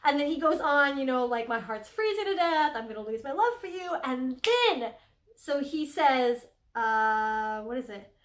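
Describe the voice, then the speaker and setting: High-voiced animated young woman, echoey room. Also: a little slow. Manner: animated and giggly, acts out lines dramatically. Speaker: singer explaining a song. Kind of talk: casual music lesson vlog. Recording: echoey room with soft piano music.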